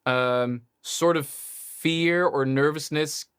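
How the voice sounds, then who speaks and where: A man with a Dutch accent coaching a singer through a one-on-one singing lesson, relaxed and encouraging. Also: slow pace, clear, resonant tone. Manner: relaxed, encouraging, demonstrates high sung lines. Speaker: vocal coach.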